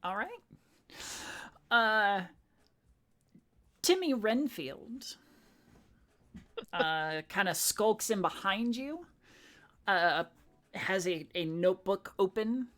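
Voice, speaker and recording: Woman game master, halting as she explains. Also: mid-range voice, lively intonation, fairly bright tone. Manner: halting, with many pauses. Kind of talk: explaining and narrating a tabletop game.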